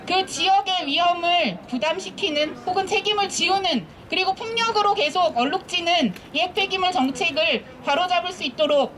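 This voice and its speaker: High-voiced woman giving a rally speech. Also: a bit bright. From Seoul. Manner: earnest, measured, repetitive phrasing. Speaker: activist speaker at a rally. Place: outdoors at a street protest.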